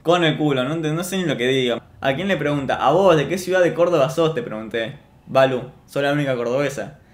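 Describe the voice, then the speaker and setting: An Argentine-accented streamer with a brisk, medium-pitched voice chats casually with his viewers, slipping into joking, mock-boastful rants. The recording has a roomy echo.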